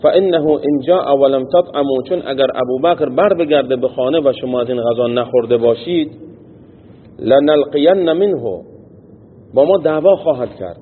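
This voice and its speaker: A man teaching as a religious teacher. He reads a text phrase by phrase and explains each part in plain everyday words. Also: mid-range voice. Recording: tinny phone-like sound with long hall echo and faint noise.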